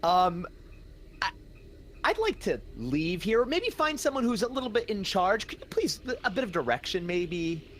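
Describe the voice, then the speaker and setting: A man's voice: high-pitched, big pitch swings, moderate pace, a bit bright, slight background noise. A man playing a tabletop game, speaking eagerly and stammering as he chats in character. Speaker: player.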